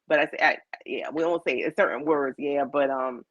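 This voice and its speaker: A woman from Charleston with a Lowcountry Geechee creole accent, chatting casually and quickly in informal slang as an interview guest. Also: no echo, dull audio. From Charleston, South Carolina, US. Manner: fast-talking, informal slang. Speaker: guest, music label owner and artist manager. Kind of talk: casual chat.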